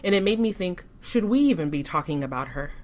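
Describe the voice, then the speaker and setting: A woman co-hosting a podcast in casual discussion, measured and critical, often restarting her sentences. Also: on the low side, expressive, a little mellow. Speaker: podcast co-host.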